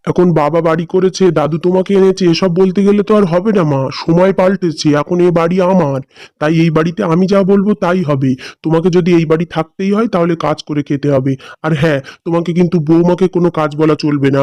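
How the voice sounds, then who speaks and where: A man's voice: fairly high pitch, fairly even intonation, fast, darkish tone, dry recording, close to an everyday voice. A man voicing a selfish, hen-pecked grown son in a cartoon drama, blunt and impatient. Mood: callous. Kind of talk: cartoon voice acting.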